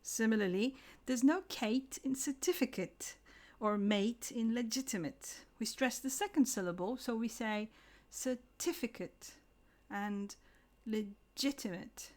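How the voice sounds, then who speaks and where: A woman's voice: on the high side, a little mellow. Woman teaching English, carefully enunciated. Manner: slow, careful enunciation of example words. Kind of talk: scripted English lesson.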